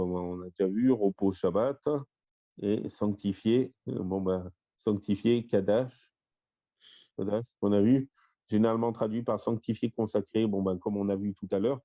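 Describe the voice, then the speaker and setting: Over a shared screen, a man runs an online Bible study, listing word meanings slowly and methodically while using lots of fillers. His voice is on the low side with fairly even intonation. The sound, captured by a voice-call mic, is dull and lo-fi.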